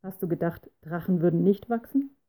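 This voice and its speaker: A woman voicing a lazy, teasing small dragon, speaking softly and unhurriedly in a low, dark, gravelly voice. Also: moderate pace, close to an everyday voice. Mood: drowsy, teasing.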